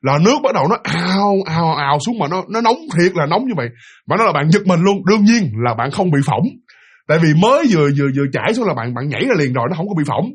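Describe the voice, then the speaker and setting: A young man tells a spooky tale in a chatty, stumbling way. He talks very fast in a husky voice. His pitch sits somewhat high. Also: sing-song. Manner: chatty, repeats words and stumbles. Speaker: storyteller. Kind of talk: casual ghost story narration.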